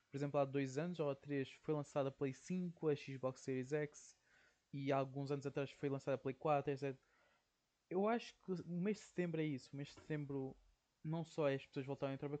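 A man's voice: medium pitch, dark tone. A young man from Portugal with a European Portuguese accent, hosting his own podcast in a casual, rambling solo monologue and tagging nearly every phrase with "ok?". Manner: rambling, says "ok?" constantly, slangy. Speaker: podcast host.

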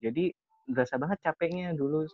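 A man's voice: on the high side, fairly quick, no echo. Hesitant young man, dull lo-fi sound. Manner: hesitant, searching for words. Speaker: guest. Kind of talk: casual podcast chat.

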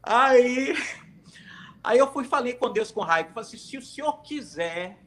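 A man's voice: very high voice, animated, unhurried, fairly bright tone, slight background noise. A man sharing a personal religious testimony on a phone livestream, telling it in a hesitant way with many restarts. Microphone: phone during a livestream.

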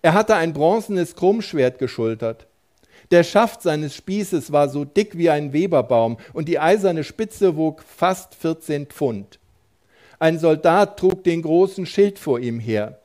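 Brief: male pastor reading a Bible story in a sermon, clear storytelling delivery, somewhat high voice. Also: expressive, slow, a little mellow. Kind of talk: sermon, reading scripture aloud. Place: church.

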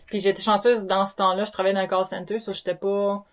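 A woman with a Québécois French accent, a nurse and comedian, telling lively anecdotes in a casual interview and slipping in English words. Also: medium pitch, fast.

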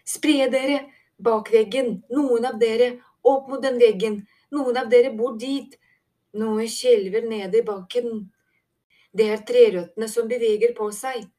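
A woman's voice: lowish voice, steady tone, dark tone, close to an everyday voice. A woman voicing a brave young male mole who calls out urgent orders in a raised voice.

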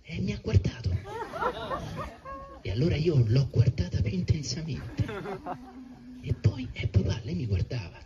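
A man voicing a naive, eager young son who excitedly tells his father his adventures. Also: on the high side, measured pace, long pauses, a crowd in the background, voice pushed up. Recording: muffled with steady background noise.

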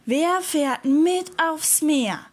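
A woman's voice: high voice, lively intonation, takes it slowly, voice pushed up. Woman doing a small, dreamy boy pirate. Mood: calling out.

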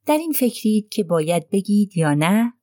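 A woman voicing a sharp-witted older male detective who asks measured, probing questions in an audiobook. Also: mid-range voice, sing-song, no room sound, studio quality, natural voice. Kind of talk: audiobook reading.

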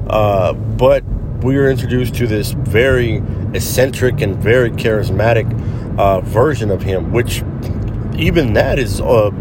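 A man hosting a solo podcast, giving a casual, rambling conversational review with a showman's touch. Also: medium pitch. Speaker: podcast host. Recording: loud outdoor traffic-like background noise.

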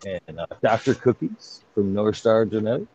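A man rambling casually as a panel member on a livestream, pausing as he thinks. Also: fairly low pitch, expressive, dark tone. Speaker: cannabis grower on a livestream panel. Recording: dull, slightly noisy livestream audio.

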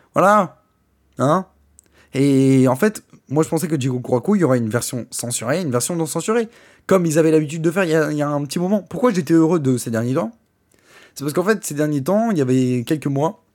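A man hosting a podcast, ranting in a crude, profane and sarcastic way, often stumbling into restarts. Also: fairly high pitch. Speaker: podcast host.

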